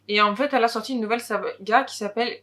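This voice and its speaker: A woman's voice: fairly high pitch, fast talker, a bit bright. A woman co-hosting a book video, chatting casually about new releases with many hesitations.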